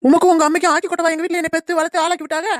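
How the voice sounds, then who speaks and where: Cartoon: woman voicing a snappy young daughter-in-law, high and rapid-fire. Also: flat delivery, a crowd in the background. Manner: grumbling, sarcastic. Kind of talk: cartoon comedy voice acting.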